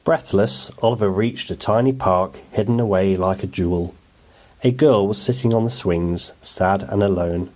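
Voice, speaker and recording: A man reads a children's picture book at bedtime, using a storytelling delivery aimed at young listeners. His voice is a little low and a little mellow, and he speaks at normal speed.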